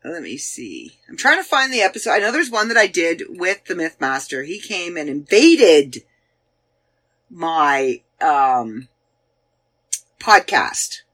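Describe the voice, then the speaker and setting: Canadian woman, 40s, podcast host, lively pitch, bright tone, rambling casual chat. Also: slow pace. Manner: chatty, rambling, searching aloud with fillers. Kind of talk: casual chat looking back on past episodes.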